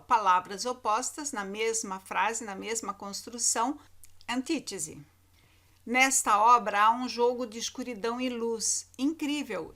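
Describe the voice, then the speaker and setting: A woman's voice: fairly high pitch, fairly bright tone. A Brazilian woman teacher giving a recorded lesson to children, repeating key words with emphatic intonation. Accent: Brazilian Portuguese.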